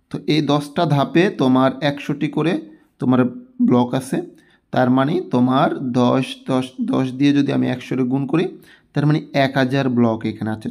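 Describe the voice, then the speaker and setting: A man's voice: medium pitch, vocal fry, darkish tone. A man teaching a children's math lesson, patiently counting blocks aloud step by step.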